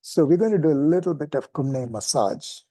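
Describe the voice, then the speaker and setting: Dark-voiced man giving a relaxed lesson. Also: fairly high pitch, fairly quick, no room sound. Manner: relaxed, self-deprecating, with chuckles and restarts. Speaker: meditation teacher. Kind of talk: informal spoken lesson.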